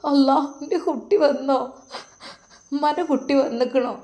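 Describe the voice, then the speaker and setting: Picture a doting older mother, her voice lifted higher and gentle as she heaps tearful endearments on her children, put on by a woman storyteller. She has a lilt and a soft, emotional manner. This is storybook narration with the mother's lines acted out. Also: steady tone, normal speed, echoey room, close to an everyday voice. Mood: tender. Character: loving older mother back from pilgrimage.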